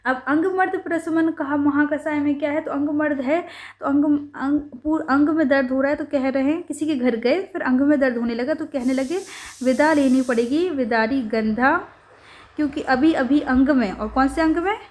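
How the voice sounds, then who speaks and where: A young woman with a high, light voice teaches ayurveda. She turns each list into a playful little story, going over the lines again and again and correcting herself mid-word. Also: fairly even intonation, moderate pace. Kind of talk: mnemonic lesson explanation.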